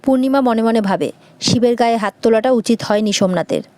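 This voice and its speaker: A woman's voice: a little high, fast talker, dark tone, dry recording. Woman narrating a serial recap.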